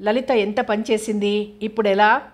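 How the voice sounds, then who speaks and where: A woman reading the part of a grieving, frightened young woman in an audio novel, with soft, tearful pleading in an even tone. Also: mid-range voice, moderate pace, lightly acted. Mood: shocked.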